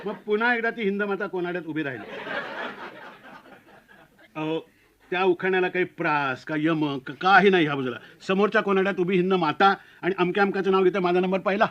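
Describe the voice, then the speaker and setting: A man's voice: high voice, fairly quick, dull audio. A man telling a comic story of his own wedding in a wry, self-mocking way.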